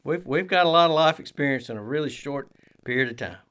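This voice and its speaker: A man in his 20s co-hosts a podcast, rambling through casual chat with many fillers and restarts. His medium-pitched voice is a bit bright and fast.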